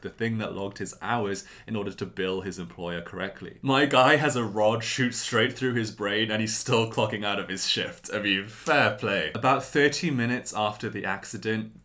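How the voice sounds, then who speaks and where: A man with a lowish voice tells an educational story in a casual, chatty way. He drops in dry, slangy asides as he goes. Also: a bit bright. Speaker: YouTube host.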